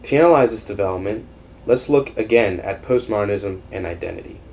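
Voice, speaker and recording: A man's voice: lowish voice, lively intonation, brisk, gravelly, a little mellow, poor audio. A young man from Costa Rica giving an earnest, formal scripted narration as a student documentary narrator. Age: young adult.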